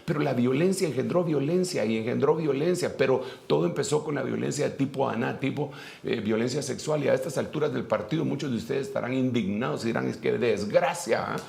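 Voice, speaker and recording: Man, pastor, sermon, gravelly voice, storytelling. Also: mid-range voice. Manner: retells scripture in a lively storytelling way with pauses and restarts.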